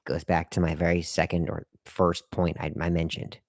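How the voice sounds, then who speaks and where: A man's voice: sits low, little pitch movement, normal speed, no echo. A man hosting a live stream and giving casual career advice to viewers in a rambling, repetitive way, often talking straight to the chat. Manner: rambling, repeats himself, talks straight to the chat; hiccuping and burping at times.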